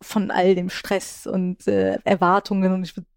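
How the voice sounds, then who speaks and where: A woman's voice: mid-range voice, completely flat delivery, moderate pace, gravelly, clean tone, no room sound, clean studio sound. A woman hosting a podcast, chatting casually and openly, with frequent restarts and laughs. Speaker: podcast host. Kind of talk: casual chat.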